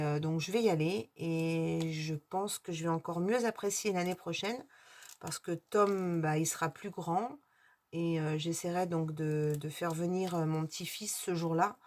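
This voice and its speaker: A woman's voice: deep voice, darkish tone. A middle-aged woman vlogging casually to her viewers, hesitant, with many fillers and restarts. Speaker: YouTuber answering a tag.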